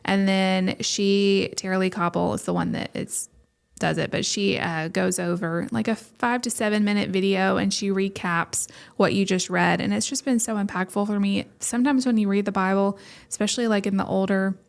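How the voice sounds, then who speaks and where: A woman in her thirties chatting on a podcast with her husband. She has a gravelly, fry-laden voice at a middle pitch, and she rambles earnestly with plenty of "um" and "like". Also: steady tone, normal speed. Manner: earnest, rambling, lots of fillers. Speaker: podcast co-host. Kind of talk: casual chat.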